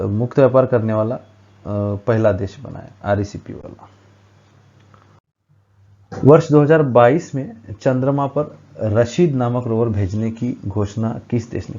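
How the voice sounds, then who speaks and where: A man's voice: fairly low pitch, warm tone, dull audio. A man teaching a current affairs lesson for exam preparation, reading quiz questions and explaining the answers at a board with frequent hesitations.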